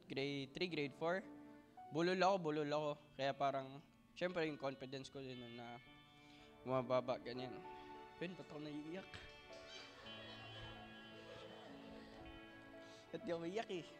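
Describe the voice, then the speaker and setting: A young man giving a halting, emotional church testimony, tearful and full of fillers. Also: fairly high pitch. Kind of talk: personal testimony.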